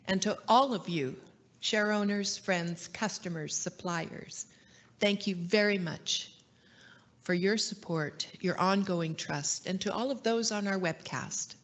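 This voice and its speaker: A Canadian woman executive giving a formal meeting address and answering shareholder questions in a measured, gracious way. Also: on the low side. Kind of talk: formal speech, then live Q&A. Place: meeting hall.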